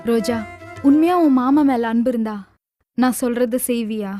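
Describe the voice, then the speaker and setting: Actress as a dark-voiced pleading mother. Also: on the high side, normal speed, no room sound, clean studio sound, soft background music, close to an everyday voice. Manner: pleading, emotional. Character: tender, anxious middle-aged mother. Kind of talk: Tamil film dialogue.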